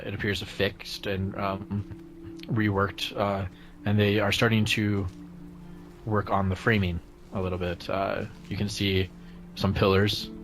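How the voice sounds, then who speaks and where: A man narrating casually as game master, improvising hesitantly with lots of pauses. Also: lowish voice.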